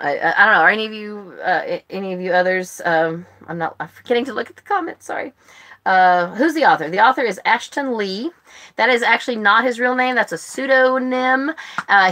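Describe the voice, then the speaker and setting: An American woman from the United States hosts a book club live stream, chatting casually and rambling to viewers online. Her voice sits at medium pitch and sounds pushed and bright.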